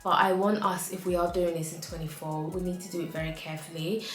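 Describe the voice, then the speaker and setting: A woman's voice: fairly low pitch, steady tone, fast talker, roomy sound, soft background music. A woman with an African accent giving frank, chatty home decor advice in a casual vlog, laughing often.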